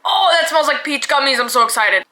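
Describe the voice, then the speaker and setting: A woman's voice: high-pitched, very animated, fairly quick, pushed and bright, rough recording. A young woman reviewing snacks in a casual vlog, chatty and laughing often, filling her talk with "like".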